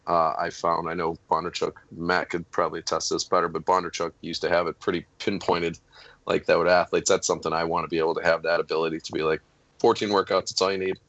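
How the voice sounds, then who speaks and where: A man's voice: low-pitched, flat delivery, fast, a bit bright, dry recording, lo-fi sound. A man who says he is losing his voice, talking loosely as a strength coach on a podcast panel, with many fillers. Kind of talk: casual panel discussion.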